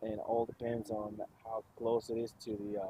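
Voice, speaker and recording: A man making brief, soft-spoken remarks as co-commentator at a live soccer match. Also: lowish voice, monotone, moderate pace. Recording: dull, noisy, distant mic.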